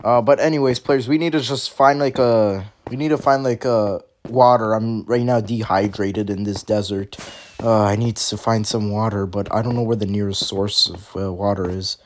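A man doing excitable gaming commentary, talking to his viewers and often repeating "oh my goodness". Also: moderate pace. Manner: excitable, addresses viewers as players, frequent squealing jumps in pitch. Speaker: gaming YouTuber. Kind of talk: Minecraft let's-play commentary.

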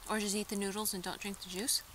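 A woman's voice: mid-range voice, level tone, quick pace, a bit bright, slight background noise. A woman vlogger chatting casually to viewers while chewing, her mouth full of food. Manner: chatty, easygoing, talks to viewers between bites. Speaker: mukbang vlogger. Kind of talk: casual chat while eating. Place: outdoors near a garden.

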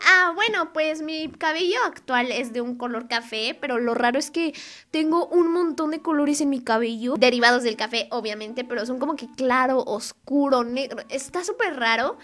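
A woman's voice: sits high, normal speed, a bit bright. A woman, answering fan questions in a playful, giggly way in a casual vlog.

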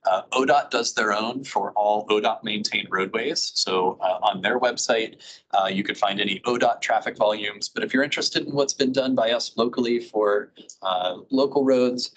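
A man with a lowish voice walks a meeting through program updates, relaxed and loose, with plenty of "uh"s between phrases. A faint rumble sits under the meeting-room audio. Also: moderate pace, poor audio. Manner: relaxed, many filler "uh"s. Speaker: regional planning staff presenter. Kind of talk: meeting presentation.

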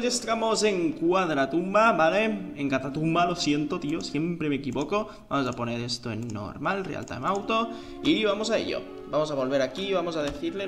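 A man's voice: on the high side, fairly bright tone. A man giving casual, slangy commentary while playing a video game. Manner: chatty, slangy, thinks aloud. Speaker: let's play gamer.

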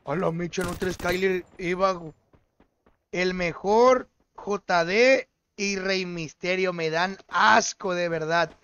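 A man's voice: sits high, fairly even intonation, slow pace, a bit bright, clear, resonant tone. A young Mexican man streaming a shooter game, joking and teasing his teammates in slangy banter. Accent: Mexican Spanish. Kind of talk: livestream gaming chat.

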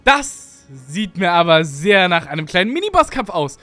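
A young man with a Berlin German accent chats and rambles as he plays a video game for his let's play channel, often poking fun at himself. His high, very animated voice is bright and forceful at a moderate pace, recorded dry on a studio arm mic with headphones at his home gaming setup, with soft music underneath.

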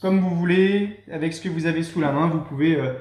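A host leading a casual home cooking demonstration, gently encouraging children as they help, with a relaxed, hesitant delivery. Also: medium pitch, fairly quick. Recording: echoey room with faint noise.

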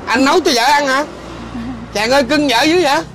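A woman's voice: high voice, brisk, a bit bright, a little hiss or hum. A woman interviewer with a Southern Vietnamese accent, asking questions in a teasing, playful way. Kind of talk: casual interview.

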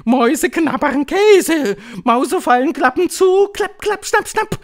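A man voicing a cruel old female witch queen, shrill and commanding, gloating in clipped declarations for an audiobook. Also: animated, measured pace, heavily acted. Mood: triumphant, thundering. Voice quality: shrill, thundering. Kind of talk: audiobook reading.

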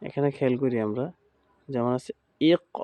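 A Bangladeshi Bengali-accented man leads a slow, recorded Quran recitation class, rhythmically chanting letter sounds and repeating drills. His mid-range voice stays steady and warm, and the recording is dry.

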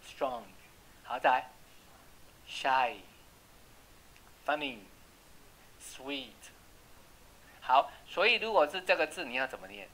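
A man teaching an English class, chatty and checking with students, slowing down to repeat words for pronunciation. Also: a little high, sing-song, pushed and bright, rough recording. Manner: asks "right?" often. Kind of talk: classroom lesson.

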